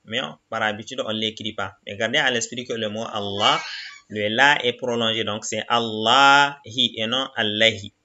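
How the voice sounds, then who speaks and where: A man teaching a reading lesson, patiently sounding out syllables one by one and explaining each rule step by step. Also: highs cut off. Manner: calls out syllables louder and higher than his explanations.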